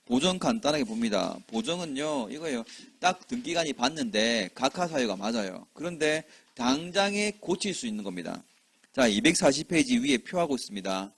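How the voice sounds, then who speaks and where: A male lecturer with a husky, slightly rough voice that rises and falls a lot. He talks his way through exam material and keeps asking his students whether they are following. Now and then he slips into short acted scenes with quoted voices. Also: medium pitch, normal speed. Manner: lively, rhetorical questions, checks understanding often.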